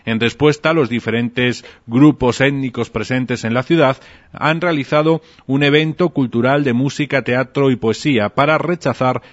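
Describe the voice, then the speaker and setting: A man's voice: mid-range voice, normal speed. Male news anchor on muffled radio. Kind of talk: read news report. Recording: dull lo-fi radio audio.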